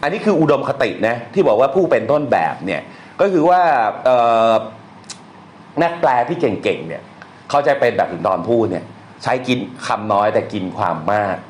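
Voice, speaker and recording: Speaking at a normal speed but with great animation, a man with a mid-range voice lectures casually on Thai poetry. He's blunt and crude, leans on slang, and recites lines of verse, all captured in an echoey space with faint noise.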